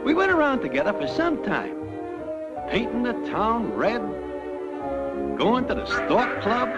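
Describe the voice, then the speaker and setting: In classic cartoon comic narration, an American actor plays a brash young man just arrived in the afterlife, breezily recounting his life in slang full of idioms and wisecracks. His voice is very high and exaggerated, set against a dull lo-fi soundtrack with loud music.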